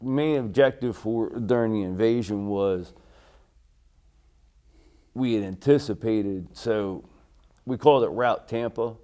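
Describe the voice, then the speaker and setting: Mellow, low-voiced American veteran remembering. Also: male voice. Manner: veteran remembering, halting recall with deferential politeness. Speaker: military veteran being interviewed. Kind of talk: oral history interview, recalling army service.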